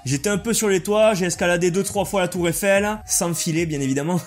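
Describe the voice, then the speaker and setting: A man's voice: high-pitched, brisk, faint music behind. A man from France hosting a casual, enthusiastic unboxing vlog, talking loosely with lots of fillers. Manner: casual, enthusiastic, many fillers and hedging "hein", "quoi". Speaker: YouTuber. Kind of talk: unboxing and product review vlog.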